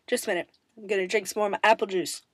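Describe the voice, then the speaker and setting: A woman's voice: mid-range voice, steady tone, very fast, husky, dry recording. Bubbly woman with a scratchy throat. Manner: bubbly, self-mocking, rambling with many ums. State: raspy voice, recovering from strep throat, coughing. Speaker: vlogger answering viewer questions. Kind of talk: casual rambling chat to camera.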